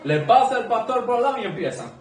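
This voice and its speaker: A man's voice: very high voice, big pitch swings, fast, darkish tone, a little hiss or hum. A man preaching a sermon to a small congregation, earnest and conversational, asking many rhetorical questions. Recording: echoey room, mic at a distance.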